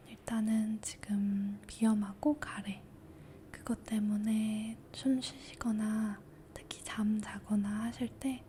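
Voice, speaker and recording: A woman whispers very slowly and gently in a mellow, higher-pitched voice, playing a doctor during a calm checkup. Her tone stays patient and reassuring throughout. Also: slight background noise. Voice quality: soft whisper. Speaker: ASMR doctor roleplay. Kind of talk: whispered ASMR roleplay.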